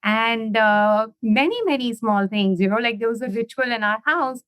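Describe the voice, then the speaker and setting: A woman's voice: on the high side, normal speed, a bit bright, no echo. Chatty woman. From India. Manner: chatty, with many "you know" and "right?". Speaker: guest. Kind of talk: casual interview conversation.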